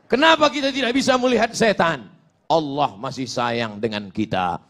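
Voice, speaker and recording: A man's voice: on the high side, expressive, moderate pace, a bit bright. A middle-aged man from Indonesia preaching a humorous Islamic sermon, telling jokey stories, acting out little exchanges and chanting Arabic verses.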